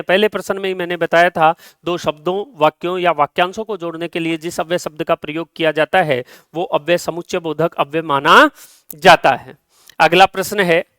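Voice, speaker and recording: Male teacher, high and smooth, walks through answers patiently on a dry close mic. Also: a bit bright, no room sound. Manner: explains step by step, reads example sentences slowly. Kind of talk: live exam paper solution lesson.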